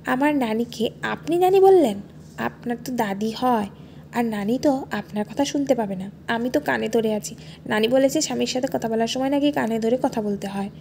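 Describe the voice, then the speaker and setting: A woman's voice: fairly high pitch, moderate pace, gravelly, dark tone, slight background noise. A woman voicing a naive, playful young wife in an audio story, speaking in a sweet, coaxing, innocent way. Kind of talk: storybook dialogue.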